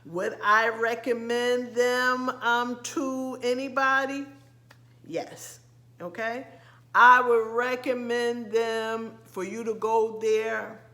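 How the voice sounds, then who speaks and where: A middle-aged woman from the United States with a slight lisp, talking casually to camera as a vlogger, halting with frequent ums and restarts. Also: a little high, flat delivery, pushed and bright. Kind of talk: casual vlog talk to camera.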